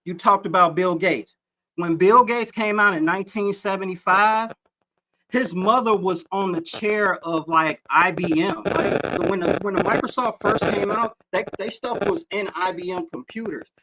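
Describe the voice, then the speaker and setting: A man's voice: high voice, moderate pace, sharp tone, low-quality recording. A man arguing insistently in a heated casual debate over a remote call, his audio broken up by buzzing interference from a phone beside his mic. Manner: insistent, talks over the other speaker. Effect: buzzing phone interference cutting into his mic audio. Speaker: guest in a debate. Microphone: remote call mic with a phone lying beside it.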